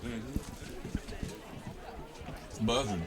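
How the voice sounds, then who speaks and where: A man's voice: medium pitch, drawn-out words. A man adding short, dry, joking remarks to a baseball broadcast from an outdoor ballpark. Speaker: commentator. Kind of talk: casual baseball commentary. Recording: crowd noise from an outdoor ballgame.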